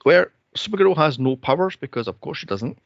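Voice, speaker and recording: A man's voice: a little high, animated, brisk, no room sound, lo-fi sound. A man co-hosting a movie podcast, retelling scenes with sarcasm, swearing and exasperation. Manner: sarcastic, exasperated, swears a lot, mocks scenes in put-on voices. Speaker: podcast co-host. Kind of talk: casual movie review chat.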